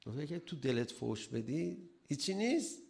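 Man, preacher, religious sermon, gravelly voice, animated, rhetorical questions, playful humor. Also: on the high side. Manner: animated, swinging between loud emphasis and soft asides.

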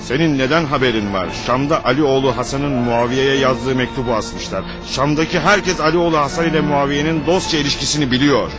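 A patronizing townsman acted by a man in a dubbed historical drama, with a mid-pitched voice. He argues in an insinuating, persuasive way over prominent music. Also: a little fast, hardly any pauses, lightly acted. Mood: sly, patronizing.

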